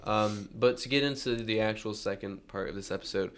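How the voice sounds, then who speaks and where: A man's voice: on the low side, brisk, fairly bright tone. A young man co-hosting a casual podcast, upbeat and leading the talk, with frequent ums and a voice that sometimes cracks. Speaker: podcast co-host. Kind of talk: casual chat.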